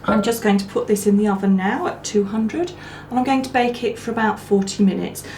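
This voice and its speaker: A woman talks her viewers through a home cooking demonstration in a chatty, homely way. Her mid-range voice rings in an echoey kitchen, with dishes and cutlery clattering clearly behind her. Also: mid-range voice, a little fast, darkish tone. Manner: chatty and homely, talking while cooking and eating. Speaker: cooking show host. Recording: echoey room with clear background noise.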